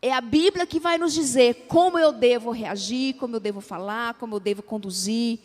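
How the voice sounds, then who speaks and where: A woman's voice: on the high side, moderate pace. A woman with a Brazilian Portuguese accent preaching a sermon, drawing the congregation into call-and-response and acting out everyday dialogue. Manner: lively, acts out everyday dialogue. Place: church sanctuary. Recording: long church hall reverb.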